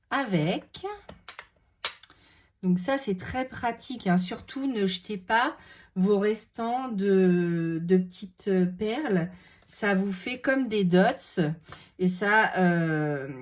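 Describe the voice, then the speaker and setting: Sniffly lady chatting slowly thru her craft tutorial, relaxed, talks while she works. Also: mid-range voice, slight background noise. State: runny nose, sniffly. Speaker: craft video host. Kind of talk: casual craft tutorial chat.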